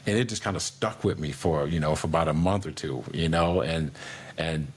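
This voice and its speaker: His voice is extremely low and slightly rough, at a normal speed. He's a middle-aged man and an air traffic controller, a guest in a casual conversational podcast interview, speaking in a laid-back, rambling way with plenty of fillers and restarts.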